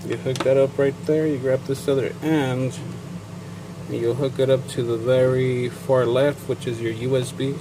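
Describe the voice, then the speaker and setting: Noise fills the background as a Chicano Mexican-American man, raised bilingual in Spanish and English, casually demonstrates a technical setup, wandering off into fillers and asides. A certified payment terminal technician, he talks at a normal speed in a mid-range voice with little pitch movement.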